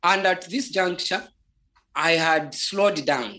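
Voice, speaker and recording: Speaking with a Zambian accent, a native Bemba speaker gives a personal spiritual testimony, halting and deliberate, repeating words for emphasis. The voice is medium in pitch, pushed and bright.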